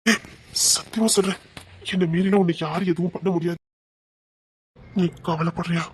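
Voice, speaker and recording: A man's voice: high-pitched, fairly even intonation, moderate pace, a little hiss or hum, lightly acted. A young man acting a devoted lover who soothes and reassures his frightened partner in a romantic drama. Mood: reassuring. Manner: tender, soothing, insistent.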